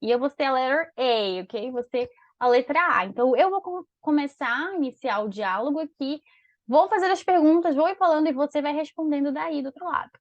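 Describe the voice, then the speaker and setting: High-voiced Brazilian woman teaching English. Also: no room sound. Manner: explains in Portuguese, reads English lines slowly and clearly. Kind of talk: online English lesson with dialogue practice. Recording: dull, dry lo-fi sound.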